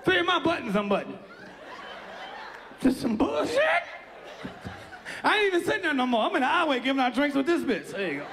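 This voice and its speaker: Brief: high, animated male comic, live club set with a roaring laughing crowd. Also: rapid-fire, few pauses. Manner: brash, profane, loud storytelling with acted-out voices. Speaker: stand-up comedian. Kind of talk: stand-up comedy set. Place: comedy club stage before a laughing audience. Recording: live show, loud crowd laughter and noise.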